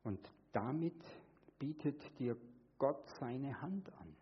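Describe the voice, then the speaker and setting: Husky, animated male preacher. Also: slow pace, lo-fi sound. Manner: earnest, shifts between hushed and emphatic; acts out quoted voices with sudden high pitch. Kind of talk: sermon.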